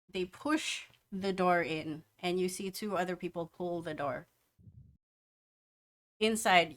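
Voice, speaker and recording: A woman running a tabletop game, narrating the scene in a relaxed, hesitant way with frequent fillers. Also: on the low side. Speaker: game master.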